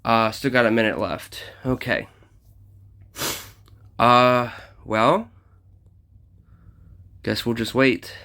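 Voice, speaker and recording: A man's voice: mid-range voice, slow, creaky, pauses often, sharp tone. A man casually talking through a mobile game session, slightly out of breath and full of ums and uhs. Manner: rambling with many ums and uhs. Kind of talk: casual gameplay commentary.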